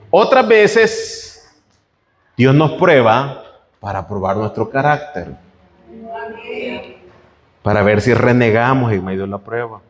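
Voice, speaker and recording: A man preaching a sermon in an animated way, asking the congregation questions as he goes. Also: medium pitch, long reverb tail.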